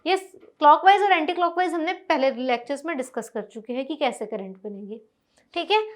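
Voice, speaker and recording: A woman teaching a school science lesson, explaining step by step and often asking whether it is clear. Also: sits high, lively intonation, fairly quick. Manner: explains step by step, asks checking questions. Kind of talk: classroom lecture on a whiteboard.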